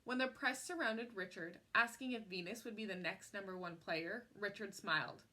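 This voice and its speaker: Reading aloud from a picture book, this woman speaks at a medium pitch in a lively storytelling manner. She paces her phrases carefully and stresses the important words.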